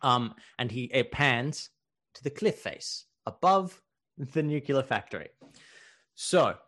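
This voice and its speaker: A man co-hosting a podcast, telling a war story in casual chat, animated and laughing often, with casual swearing. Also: mid-range voice, slow. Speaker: podcast co-host telling history stories.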